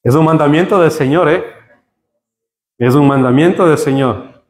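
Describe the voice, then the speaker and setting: A man preaching a sermon to his congregation, joking with them and building to emphatic high peaks. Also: moderate pace. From Spain. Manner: humorous, rising to emphatic peaks. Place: church hall. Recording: echoey church hall.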